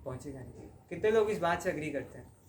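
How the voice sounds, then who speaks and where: A man's voice: a little high, animated, fast talker, a little hiss or hum. A man teaching a devotional class in a conversational way, often checking in with his listeners in front of a live audience. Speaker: spiritual teacher. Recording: roomy hall with faint ambience.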